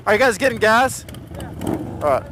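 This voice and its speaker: Young male motovlogger, slightly high voice, self-mocking and chatty, clear road noise behind. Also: big pitch swings, normal speed. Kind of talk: casual vlog commentary while riding. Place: outdoors on a motorcycle in city traffic.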